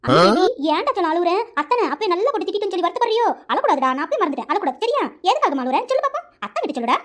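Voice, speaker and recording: A woman's voice: very high-pitched, sing-song, rapid-fire, fairly bright tone, full character voice. A woman doing a fussy cartoon mother-in-law. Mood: coaxing. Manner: coaxing, scolding tenderly. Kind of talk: cartoon voice acting.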